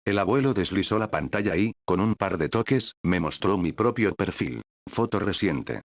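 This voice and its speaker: A man's voice: low voice, animated, moderate pace, dry recording, studio quality. A man narrating a first-person fan story in a wry, casual manner. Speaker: fanfic narrator.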